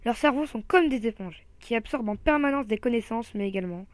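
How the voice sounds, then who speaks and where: A woman's voice: on the high side, animated, quick pace, no room sound, close to an everyday voice. A woman reading a storybook aloud, voicing a huge, bald, hearty father who bellows his lines. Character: loud bald huge jovial father, booming.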